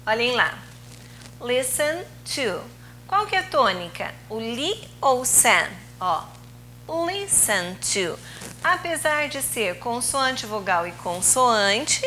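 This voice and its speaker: Her voice is a little high with a sharp tone as she patiently teaches English in a video lesson, slowly explaining rules and stretching out key words. Portuguese is her first language, and the low-quality recording carries slight background noise.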